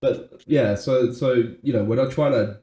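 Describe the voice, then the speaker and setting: A man's voice: mid-range voice, normal speed, warm tone, reverberant. A man co-hosting a casual podcast chat, talking earnestly with many restarts and "right?" tags. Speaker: podcast co-host.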